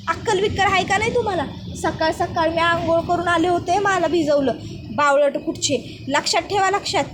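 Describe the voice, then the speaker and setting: A woman's voice: extremely high pitch, noisy background. A woman voicing an angry older woman who scolds and insults some boys.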